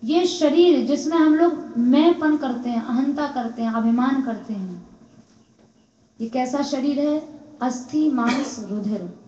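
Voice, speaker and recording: A high-pitched woman teacher speaks slowly and deliberately, chanting Sanskrit verses before unpacking each one with rhetorical questions. She was recorded on a mobile phone in a home living room, so the sound is roomy and a bit muffled. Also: dark tone. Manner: recites Sanskrit verses, then explains them with rhetorical questions. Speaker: spiritual teacher. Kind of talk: devotional discourse. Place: private home.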